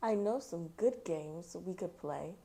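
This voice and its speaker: A woman's voice: lowish voice, expressive, slow pace, gravelly, warm tone, heavily acted. A woman voicing a cheeky, showy male cat in a hat for a picture book, boastful and full of exclamations. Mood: persuasive. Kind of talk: animated children's picture book reading.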